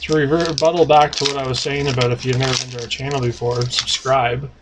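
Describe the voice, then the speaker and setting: Fast and with little pitch movement, his medium-pitched voice carries the casual chatter of a card-opening session. He's a Canadian in his thirties, co-hosting from a home room with cards laid out on a table, joking as he reads the names. The home camera audio is noisy.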